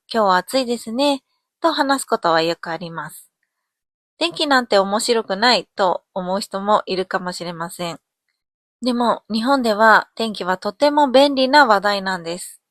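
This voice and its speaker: A young woman from Japan hosting a podcast lesson, explaining phrases gently and clearly with examples. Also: medium pitch, no room sound, studio quality. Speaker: Japanese teacher, podcast host.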